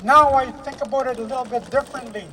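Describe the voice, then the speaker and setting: A man from Canada delivering an impassioned speech at an outdoor rally, emphatic and repetitive, slowing down to stress key phrases. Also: very high voice, fairly even intonation, pushed and bright, in a large hall, a little hiss or hum. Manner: emphatic, repetitive, with slow weighty pauses. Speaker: rally speaker.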